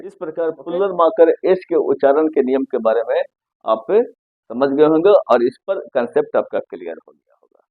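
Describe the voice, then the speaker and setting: With phone-quality sound and no room echo, a medium-pitched man gives a Hindi-language English pronunciation lesson. He spells words one letter at a time and asks himself questions before answering them.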